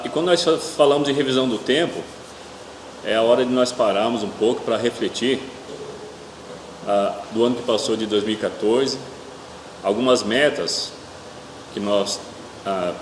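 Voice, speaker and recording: A middle-aged Brazilian man preaching a church sermon haltingly, his speech slightly hampered by a toothache, often posing rhetorical questions. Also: medium pitch. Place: indoor church hall with noisy ambience. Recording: echoey reverberant hall, clear room hum.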